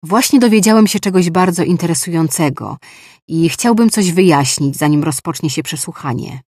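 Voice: mid-range voice, moderate pace, a little mellow, slightly rough, no echo, clean studio sound. A narrator voicing a stern, suspicious male administrator who gives cold commands in an audiobook. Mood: commanding. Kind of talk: audiobook dialogue.

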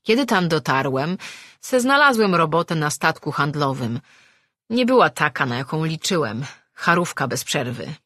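A narrator voicing a bitter old male sailor who talks in rough, folksy speech, telling a tale in a storybook. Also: on the high side, very animated, normal speed, pushed and bright, dry recording, studio quality, exaggerated voice. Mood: reminiscing. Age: older.

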